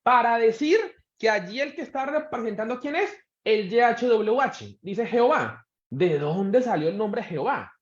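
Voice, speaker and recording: A man with a fairly high, very animated voice gives a church Bible lesson. He keeps asking his students questions and slows his words to make a point. The recording is roomy and a little muffled. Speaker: Bible teacher. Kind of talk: church Bible class lecture. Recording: echoey room, dull sound.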